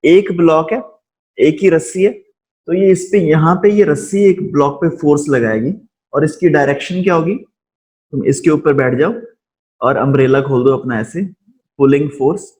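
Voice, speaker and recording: Male physics teacher, live online class, slow deliberate delivery, frequent check-ins with students. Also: fairly high pitch, darkish tone. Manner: speaks deliberately slowly, checks in with students often. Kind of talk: live online lesson, mixing Hindi and English.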